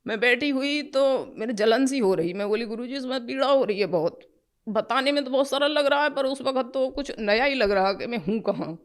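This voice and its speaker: A woman's voice: sits high, expressive, moderate pace, few pauses. Earnest middle-aged woman telling her story. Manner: earnest, emotional, rambling with restarts. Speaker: devotee giving a testimony. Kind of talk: personal testimony storytelling.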